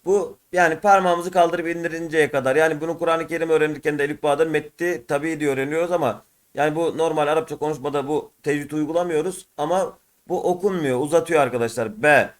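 A man who speaks Turkish natively, teaching an Arabic lesson and drilling letter sounds in loud repeated pairs. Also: a little high, steady tone, fast. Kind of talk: classroom lesson.

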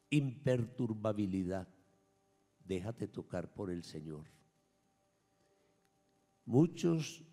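Slow, dark-voiced priest preaching in a church. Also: male voice, on the low side, in a large hall. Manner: emphatic preaching that swings from raised to hushed, acting out quoted people. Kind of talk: sermon at Mass.

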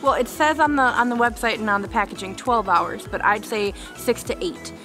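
A woman's voice: on the high side, expressive, normal speed, over music. A young woman vlogging on a winter hike in the woods, talking chattily to a handheld camera with lots of fillers. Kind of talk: casual vlog talk to camera.

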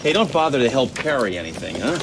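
Guy acting irritable man, talks fast, loud street noise behind him, film scene. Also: mid-range voice, sing-song, lightly acted. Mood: irritated.

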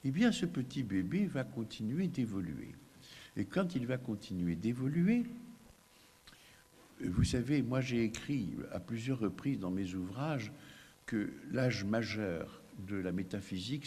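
A man, a child psychiatrist, gives an animated, emphatic conference lecture with asides to the audience. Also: fairly low pitch, breathy edge. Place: lecture hall. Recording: long hall reverb, faint background noise.

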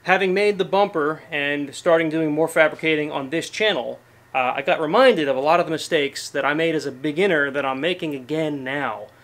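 A man in his thirties chatting casually to camera in a cluttered garage workshop, relaxed and full of fillers and restarts. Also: fairly high pitch, brisk. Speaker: garage vlogger. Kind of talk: casual show-and-tell to camera.

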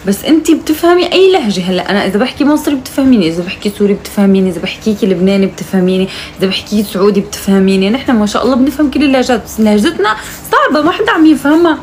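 A young Moroccan woman with a Moroccan accent, chatting casually and teasingly on a live stream, now and then calling out loudly to her mother. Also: a little high, expressive, very fast, slight background noise.

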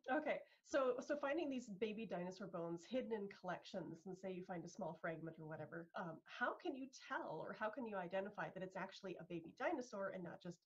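Breathy woman asking questions, lo-fi. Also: mid-range voice, animated, a little fast. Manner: friendly, playful questions. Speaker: interviewer host. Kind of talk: casual interview questions. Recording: dull lo-fi audio.

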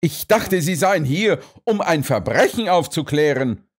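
A man reading an audiobook, voicing a blustering, indignant restaurant owner who protests loudly and huffily. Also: a little high, expressive, unhurried, voice pushed up. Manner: huffy, loud, protesting.

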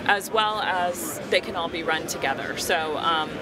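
A man presenting software at a trade show booth, explaining steadily with frequent ums. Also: a little high, unhurried. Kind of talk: product demo. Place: busy trade show floor. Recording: loud crowd noise behind. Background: loud crowd chatter.

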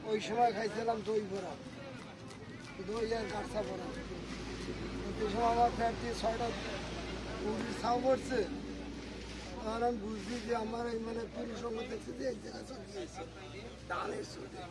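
A man's voice: high-pitched, fairly even intonation, moderate pace, pauses often. A man cutting fish at an outdoor market, telling a long rambling story in casual chat. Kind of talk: casual chat while working. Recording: loud outdoor market crowd. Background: busy crowd noise.

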